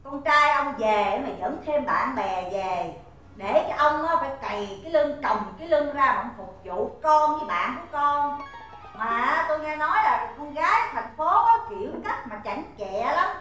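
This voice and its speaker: Woman playing a sharp-tongued, grumpy neighbor. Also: high voice, lively intonation, normal speed, heavy reverb, distant mic, soft background music. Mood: sarcastic. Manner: scolding, sarcastic. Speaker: comedy skit actor. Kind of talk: stage comedy sketch.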